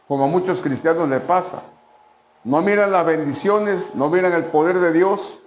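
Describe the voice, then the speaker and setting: Emphatic pastor preaching. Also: male voice, a little high, a little hiss or hum. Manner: emphatic, repetitive, addresses listeners directly. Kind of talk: sermon. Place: church. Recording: echoey church hall.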